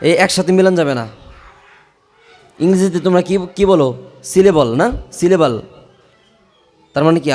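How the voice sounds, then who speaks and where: A man teaching a Quran recitation class in a madrasa classroom, chanting verses slowly and drawn out, then explaining pronunciation briskly with many checking questions, in a Bangladeshi Bengali accent. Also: fairly high pitch.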